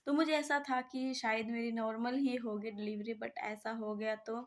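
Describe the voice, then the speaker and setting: Young woman vlogging her story, chatty and rambly, kinda high voice that stays pretty flat. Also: moderate pace. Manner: chatty, rambling, many fillers and restarts. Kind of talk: casual personal storytelling.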